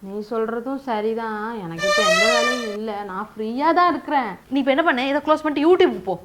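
A woman's voice: on the high side, very animated, brisk, loud music behind the voice. A woman doing a comic monologue, arguing with herself in an exaggerated way. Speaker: comedy creator.

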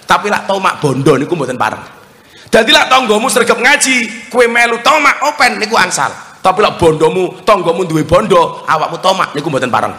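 A man's voice: sits high, sing-song, a little fast, sharp tone. A man with a Javanese accent preaching a comedic sermon, joking and teasing the audience. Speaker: Islamic preacher. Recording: long hall reverb, faint noise.

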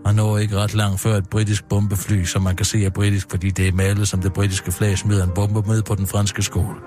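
A lower-voiced man reads a parody screenplay aloud in a dry, deadpan way. He is the host of a comedy radio show, with faint music playing behind him.

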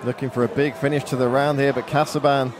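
A man's voice: medium pitch, flat delivery, quick pace. A man giving live play-by-play commentary on a fight. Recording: crowd and venue noise behind. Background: arena crowd.

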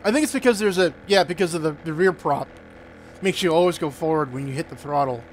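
A man chatting casually as he plays, excitable and quick to break into panicked yelps. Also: fairly high pitch, slight background noise. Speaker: gaming streamer. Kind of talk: casual gameplay commentary.

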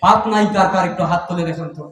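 A man from Bangladesh, preaching to a crowd in an impassioned, sing-song style that rises into shouted chanting and calls on the listeners to answer aloud. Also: high-pitched, rapid-fire, far from the mic, slight background noise. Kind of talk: chanted sermon at an outdoor religious gathering. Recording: reverberant public address with faint music.

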